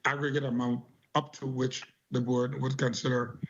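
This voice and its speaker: A husky-voiced man giving measured answers as an elections board official at a government hearing. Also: mid-range voice, level tone. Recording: dull lo-fi audio.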